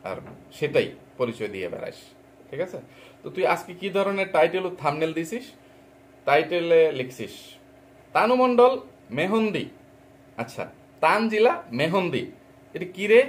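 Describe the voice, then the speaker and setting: A man's voice: on the high side, slight background noise. A man delivering an angry, insulting rant as a reaction vlogger, scolding and mocking another vlogger.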